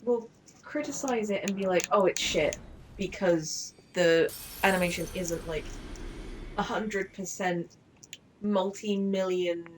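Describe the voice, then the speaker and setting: A woman's voice: medium pitch, slow pace, slight background noise, poor audio. A woman chatting casually and rambling on a live game stream, with many fillers and offhand swearing. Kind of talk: casual chat.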